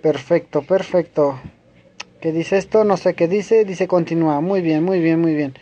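A man's voice: a little high, a little slow, mellow. A man giving let's play commentary, repeating short phrases and growing easily frustrated. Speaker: gamer. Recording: dull lo-fi mic.

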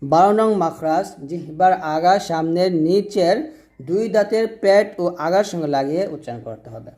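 Male recitation teacher, patient drill style, slightly high, mellow tone. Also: normal speed. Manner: patient, repetitive drilling with call-and-repeat prompts. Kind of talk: instructional lesson on Arabic letter pronunciation.

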